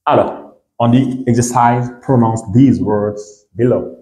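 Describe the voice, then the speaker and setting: A man's voice: medium pitch, slow pace, dark tone. A man giving a language lesson as an English teacher, explaining step by step and checking in often with his learners. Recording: echoey room.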